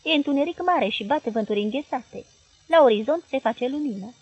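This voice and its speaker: A woman reading the part of a young girl in a hypnotic trance, describing visions, in a husky voice. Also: sits high, expressive, dry recording, poor audio. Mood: alarmed. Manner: dreamy, then alarmed as she describes visions.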